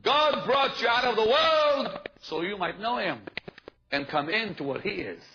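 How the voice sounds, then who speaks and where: In a muffled, dull live recording with a constant hiss underneath, a high-voiced man delivers a sermon a little slowly. He's emphatic, repeating his key points and urging the congregation to respond.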